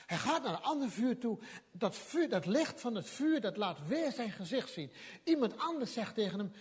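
A man's voice: extremely high pitch, very animated, moderate pace, breathy edge. A man preaching a sermon, telling the story with animation and acting out what people said.

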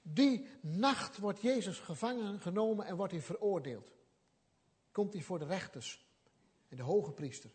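A man's voice: sits high, expressive, measured pace, a little mellow, breathy edge. A man preaching a sermon, telling the story with animation and acting out what people said.

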